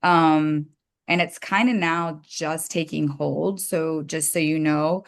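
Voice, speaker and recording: A woman, a dental hygienist, giving a casual webinar lecture from her slides over a computer microphone, chatty and quick to apologize for slips. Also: low-pitched, steady tone.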